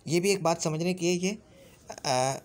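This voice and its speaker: Urdu-accented guy teaching arabic grammar, voice a bit high, keeps drilling each sound again and again. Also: a little mellow. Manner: repeats sounds slowly and drills each letter. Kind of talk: classroom-style grammar lesson.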